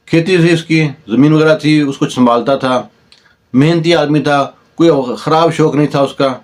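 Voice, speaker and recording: A man's voice: a little high, steady tone. A man with a Pakistani Urdu accent telling a long village story in a conversational way, briefly voicing the people in it. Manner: conversational, acts out dialogue in the telling. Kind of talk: oral storytelling.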